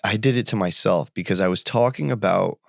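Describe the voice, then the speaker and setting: A man in his thirties from the United States, chatting casually as a podcast guest and telling animated stories. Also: vocal fry, no room sound, clean studio sound. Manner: animated, quick jumps in pitch when quoting people. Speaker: podcast guest, entrepreneur and father. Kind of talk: casual conversational storytelling.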